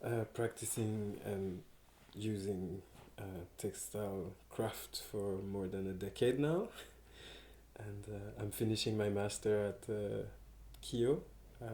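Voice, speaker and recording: A young Parisian man with a French accent, low-pitched, slow and mellow, chats casually as a textile artist guest. He hesitates, restarts and laughs often, speaking indoors in a small farmhouse room that sounds echoey.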